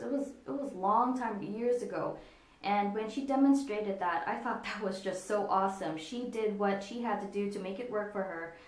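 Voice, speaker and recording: A woman giving a casual makeup tutorial, talking in a relaxed, meandering way with frequent ums. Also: medium pitch. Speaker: makeup vlogger. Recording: echoey room.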